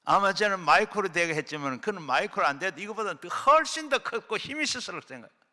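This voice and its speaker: A middle-aged male pastor preaching a fervent sermon, swinging between loud shouts and hushed low lines, at a prayer retreat hall. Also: animated, fast talker.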